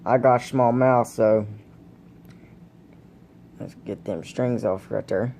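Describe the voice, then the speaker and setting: A young man with a dark, mellow voice talks slowly and loosely to the camera, rambling and calling out to his viewers, hiccuping now and then. A faint room hum sits behind him. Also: medium pitch, creaky. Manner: laid-back, rambling, addresses viewers as guys. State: has the hiccups. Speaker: vlogger reviewing dip tobacco. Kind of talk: casual vlog chat. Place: indoors at home, camera propped on a blanket.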